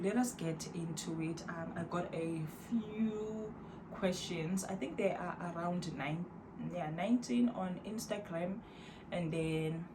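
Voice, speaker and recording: A woman's voice: on the low side, a little mellow, a little hiss or hum, low-quality recording. A South African woman in her thirties chatting casually to her viewers at home, laid-back and rambling, mixing in Zulu phrases. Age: 30s. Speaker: vlogger. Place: at home, indoors.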